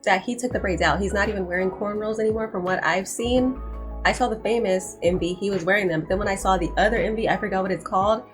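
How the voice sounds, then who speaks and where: A woman's voice: mid-range voice, fast talker, music in the background. A young woman hosting a commentary channel, talking in an emphatic, insistent way and repeating points for stress. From United States. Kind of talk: opinion commentary to camera.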